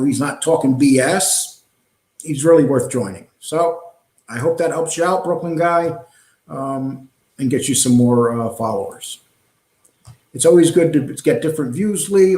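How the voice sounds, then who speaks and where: A middle-aged man from New York casually hosts a live stream, reading live chat and drifting from topic to topic. He talks a lot and fills pauses with ums and uhs. His voice is a little high for a man with a darkish tone, and the room sounds echoey and hollow.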